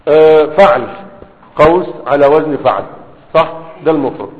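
A man with an Egyptian Arabic accent teaching a grammar lesson, often pausing on fillers and checking in with rhetorical questions. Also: fairly high pitch. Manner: pauses often with drawn-out fillers while writing. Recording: dull, reverberant classroom-style recording.

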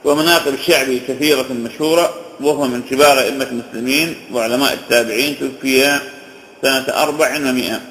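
A man giving a religious lesson, reciting long lists of scholars' names and slowing down to stress key points. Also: medium pitch, steady tone, a bit bright, roomy sound, a little hiss or hum, poor audio. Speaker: hadith teacher. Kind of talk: religious lesson on hadith narrators.

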